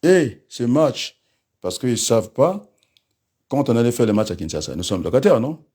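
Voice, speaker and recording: A man's voice: medium pitch, sing-song, fairly quick, warm tone, breathy edge. A man giving a combative political rant, addressing listeners and rivals directly with frequent asides. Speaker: political commentator.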